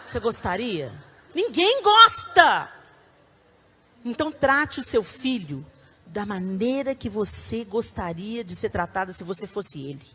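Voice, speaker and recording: A middle-aged woman with a Brazilian Portuguese accent, preaching to a conference audience with emphatic, animated delivery and sudden loud bursts. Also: mid-range voice, moderate pace, breathy edge. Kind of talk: sermon. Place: conference hall before a live audience.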